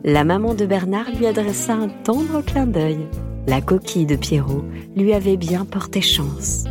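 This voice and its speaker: A woman narrating a children's story in a lilting, expressive way. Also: medium pitch, measured pace. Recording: music bed under the voice.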